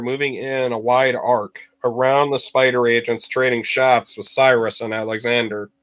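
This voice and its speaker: Like a teacher reading to his students, a man tells a story aloud with expressive, dramatic phrasing and deliberate emphasis. His pitch is medium.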